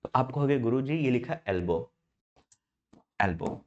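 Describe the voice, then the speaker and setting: A man's voice: medium pitch, normal speed, dull audio, slight background noise. A man teaching English grammar in Hindi, explaining step by step and calling his students "my brother". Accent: Indian English. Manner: asks students rhetorical questions. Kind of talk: online class lecture in Hindi.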